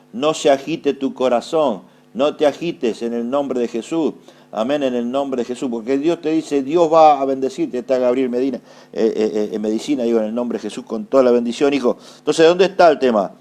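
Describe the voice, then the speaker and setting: A man's voice: medium pitch, mellow. A man with an Argentine accent preaching a sermon, asking rhetorical questions, answering them himself and repeating phrases for emphasis. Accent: Argentine Spanish. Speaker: apostle preaching.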